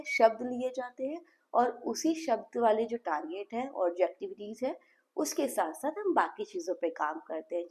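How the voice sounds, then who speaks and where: A woman's voice: medium pitch, a little mellow. A woman speech therapist explaining therapy to parents, mixing phrases into her talk and acting out the dialogue of a session.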